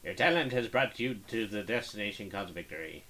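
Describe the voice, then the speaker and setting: A man's voice: on the low side, lively intonation, a little fast, sharp tone. Man reading as an overly polite, formal game character. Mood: courteous, formal. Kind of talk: reading game dialogue aloud.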